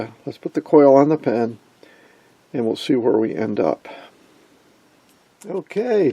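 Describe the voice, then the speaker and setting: An electronics hobbyist at an indoor workbench walks through an informal hands-on demo step by step, thinking aloud at an unhurried pace. His mid-range voice is heavily creaky and husky, relaxed and dark in tone, with a folksy feel and no echo.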